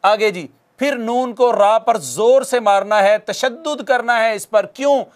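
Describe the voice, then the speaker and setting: A man teaching Quran recitation, patiently correcting and chanting drawn-out demonstration words for students to repeat. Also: extremely high pitch. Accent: Pakistani Urdu. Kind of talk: recitation lesson with call-and-repeat.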